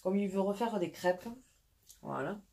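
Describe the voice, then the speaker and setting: A woman with a southwestern French accent, a mother chatting through a casual haul vlog in a rambling way, pausing often. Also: mid-range voice, creaky, warm tone. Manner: chatty and rambling, with frequent pauses and restarts. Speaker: vlogger and mother.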